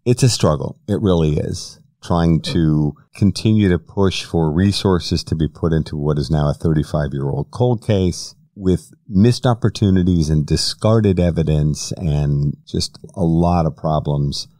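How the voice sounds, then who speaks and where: Deep-voiced male podcast host, dry sound. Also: a little slow, few pauses, warm tone, dry recording. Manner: long-winded, careful explanations. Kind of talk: casual interview talk.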